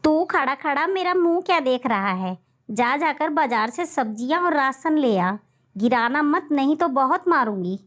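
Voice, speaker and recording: A woman's voice: sits high, animated, normal speed, a bit bright. A woman voicing a bossy, cruel crow stepmother in a children's cartoon story, scolding and threatening like a wicked stepmother. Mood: harsh, threatening. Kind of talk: animated children's story voice acting. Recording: dull lo-fi audio.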